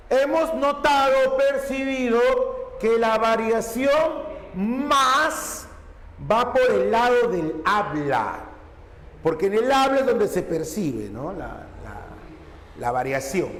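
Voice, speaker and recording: High-voiced Peruvian man teaching. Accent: Peruvian Spanish. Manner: repeats points and checks for understanding. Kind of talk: classroom lecture. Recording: echoey hall with faint background hum.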